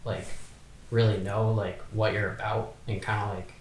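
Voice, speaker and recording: Young man in his twenties, lowish voice, hesitant casual chat, lots of fillers, roomy echo. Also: level tone, moderate pace. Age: 20s. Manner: hesitant, many fillers and restarts. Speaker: podcast guest.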